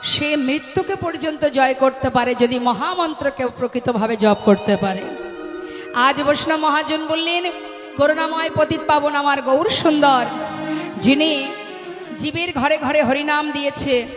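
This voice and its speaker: Woman kirtan preacher, high voice, sermon over a stage mic with soft music in a roomy hall. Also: unhurried. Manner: addresses listeners as mother, asks them questions. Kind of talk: devotional sermon to a live audience.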